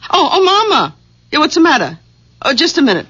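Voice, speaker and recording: An actress playing a domineering, nagging middle-aged wife in a 1970s radio drama, scolding and whiny. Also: female voice, high-pitched, sing-song, a little fast, fairly bright tone. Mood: chatty. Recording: dull vintage radio recording.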